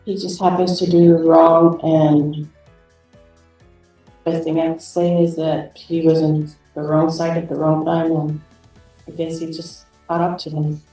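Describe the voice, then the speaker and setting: A woman testifying as a witness about her son, answering briefly and softly in a courtroom recording. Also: low voice, level tone, a little slow, soft background music. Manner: brief, soft-spoken answers. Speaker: witness, defendant's mother. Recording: very echoey courtroom audio from far off.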